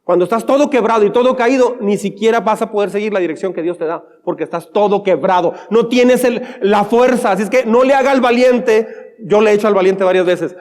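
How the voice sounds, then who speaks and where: High-voiced preacher. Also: male voice, brisk, a little mellow. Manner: conversational, acts out little scenes. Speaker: pastor. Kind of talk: sermon. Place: church sanctuary. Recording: long church reverb.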